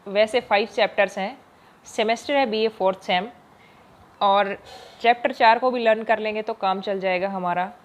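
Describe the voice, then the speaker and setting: A woman teacher giving an exam-focused lesson, explaining patiently, mixing in English terms and slowly stretching out each example word. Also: medium pitch, steady tone.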